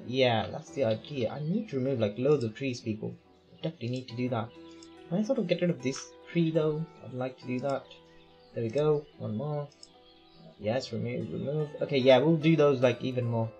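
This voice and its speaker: A let's play gamer with a medium-pitched, slightly mellow voice rambles casually about his city-building game, full of fillers and questions to himself. His voice is tired, failing, and going hoarse.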